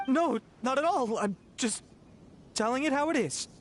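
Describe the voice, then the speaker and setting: A man's voice: extremely high pitch, animated, moderate pace, soft background music. A man voicing a cowardly small-time bandit in a video game, by turns blustering and sheepish. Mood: sheepish, pleading. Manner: hesitant, stammering, self-justifying.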